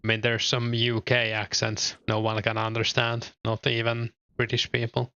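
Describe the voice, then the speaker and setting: Relaxed but hesitant and filler-heavy, a young streamer with a Finnish accent chats while gaming and reading his chat aloud. He speaks at a medium pitch and moderate pace with a smooth voice, no echo, and the highs cut off.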